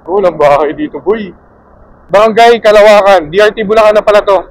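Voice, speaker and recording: A man with a Filipino accent giving excitable, swear-laden commentary while riding a motorcycle, recorded on a helmet mic. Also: high voice, brisk, poor audio. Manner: excitable, swears freely, laughs often. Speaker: motovlogger. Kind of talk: casual ride commentary.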